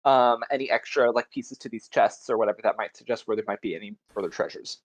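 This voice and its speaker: A man playing a tabletop game, chatting casually and haltingly as he thinks aloud. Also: on the low side, fairly even intonation, no echo.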